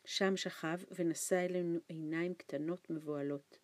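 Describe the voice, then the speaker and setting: A woman narrating a children's storybook aloud in a calm, measured reading voice. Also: fairly low pitch, no echo. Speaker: audiobook narrator.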